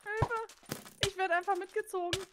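A woman's voice: very high-pitched, fairly even intonation, moderate pace, noisy background. A woman co-hosting a let's play on a headset, playful and laughing, with dramatic cries for help. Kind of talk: casual gaming chat.

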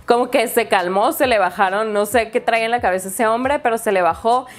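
Brief: woman vlogger, quick chatty storytelling, slightly high voice. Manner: animated, quotes people in lively voices. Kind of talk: casual storytelling.

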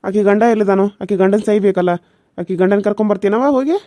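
A man voicing a calm, businesslike village doctor who reassures matter-of-factly, with a North Karnataka Kannada accent. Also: high voice, fast, dry recording, studio quality, lightly acted. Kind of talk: cartoon voice acting.

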